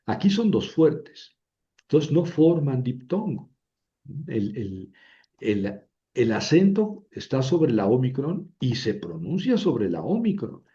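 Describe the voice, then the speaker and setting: A man teaching ancient Greek grammar, patiently spelling out syllables and often checking in with a quick tag question. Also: mid-range voice, big pitch swings, dark tone, muffled recording. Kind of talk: slow classroom explanation.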